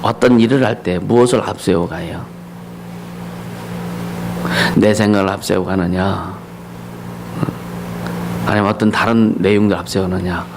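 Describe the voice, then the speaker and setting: A male pastor preaching a Sunday sermon, often asking the congregation questions and rising to loud declamation on scripture and slogans. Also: low-pitched, steady tone, normal speed, noisy background. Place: church sanctuary.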